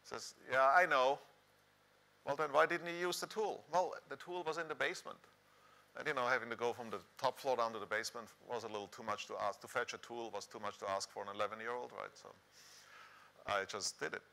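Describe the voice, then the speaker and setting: A middle-aged Swiss professor speaks with a Swiss accent while giving a conversational conference presentation, asking the audience rhetorical questions. His mid-range voice is steady, a little fast, bright and forceful with vocal fry. He stands on the stage of a large, dark indoor conference hall.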